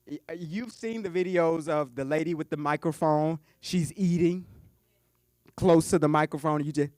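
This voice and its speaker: A man's voice: on the high side, normal speed, a little mellow, no echo, clean studio sound. A man who coaches businesses, giving a live keynote talk at a conference lunch. He jokes and talks straight to the audience.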